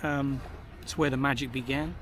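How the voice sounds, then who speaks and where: A man's voice: mid-range voice, steady tone, moderate pace. A man co-hosting a travel vlog, chatting and bantering casually while filming himself on a beach at sunset. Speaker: vlog co-host. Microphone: handheld phone camera. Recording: outdoor noise on a beach.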